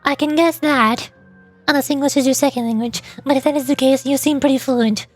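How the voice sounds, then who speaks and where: A woman VTuber streamer chats casually with her viewers over background music, in a high-pitched, steady voice at a brisk pace. She thinks aloud hesitantly, stammers over repeated words, and puts herself down a little.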